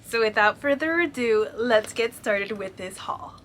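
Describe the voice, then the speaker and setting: Talking to the camera about her shopping haul, a young woman sounds congested from a cold, her speech full of "um" and "like." Her slightly high voice is animated but unhurried. Loud music plays over it.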